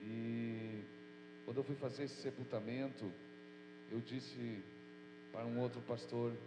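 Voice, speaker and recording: Slightly slow and flat in delivery, a pastor with a mid-range voice leads prayer and a sermon. His cold leaves him nasal and stuffy, but he stays earnest and informal. Expect an echoey church hall with mains hum.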